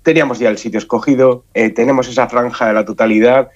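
A man's voice: medium pitch, fairly even intonation, quick pace. Congested, nasal Spanish man, muffled sound. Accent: Spanish from Spain. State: has a head cold. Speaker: science outreach association spokesman, radio guest. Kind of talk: conversational radio interview. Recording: muffled, dull band-limited sound.

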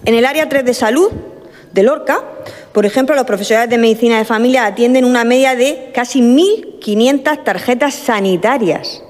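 A woman politician making a brisk, argumentative point in a parliamentary speech. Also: a little high, a little mellow. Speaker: regional politician. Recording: long hall reverb.

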